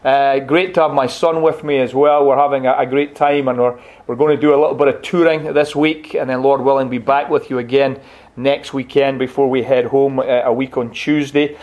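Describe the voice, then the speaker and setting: A middle-aged Scottish man, a visiting pastor, giving a warm, conversational, gently humorous sermon in a church and reading scripture aloud. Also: medium pitch, steady tone, fairly quick. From Scotland. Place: church sanctuary.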